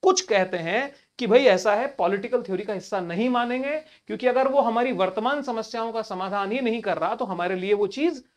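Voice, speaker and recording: Man teaching with rhetorical questions. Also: sits high. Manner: conversational, rhetorical questions to students; colloquial address to listeners. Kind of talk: exam-prep lecture.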